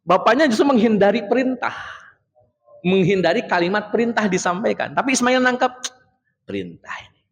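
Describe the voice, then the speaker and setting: A man preaching a casual midday sermon in a mosque, animated, acting out dialogues and addressing the men as Pak. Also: high-pitched, a little fast. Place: mosque hall. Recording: reverberant mosque hall.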